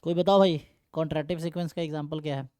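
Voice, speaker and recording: A male math teacher with an Indian accent gives a live online lecture, explaining each step and asking his students questions. His voice sits high and comes through smooth and clear. The recording is dry and close, with no room echo. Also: fairly even intonation, racing, darkish tone.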